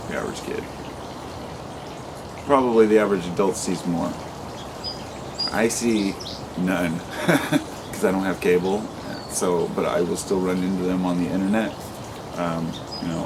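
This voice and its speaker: Talking to camera without a script, this vlogger in his late thirties rambles passionately, curses frequently and keeps restarting his sentences. His voice sits low and sounds gravelly at a moderate pace over a noisy background.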